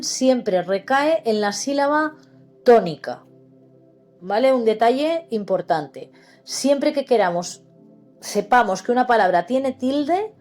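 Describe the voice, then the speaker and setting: A woman with a Spanish accent from Spain teaching a slow, patient literacy lesson, spelling words out syllable by syllable. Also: fairly high pitch, darkish tone. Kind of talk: explaining grammar lesson.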